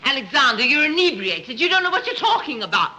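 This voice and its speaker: A woman's voice: sits high, sing-song, fast talker, bright, forceful tone, exaggerated voice. An actress playing a scatterbrained, fussing middle-aged society mother in 1930s screwball comedy banter, flighty and chattering. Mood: indignant. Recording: noisy 1930s film soundtrack.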